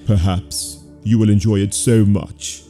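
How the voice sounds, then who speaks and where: An actor playing a sinister, falsely genial old vampire count with slow theatrical villain menace in a comedy audio drama. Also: male voice, fairly low pitch, little pitch movement, mellow, soft background music, close to an everyday voice. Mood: gloating menace.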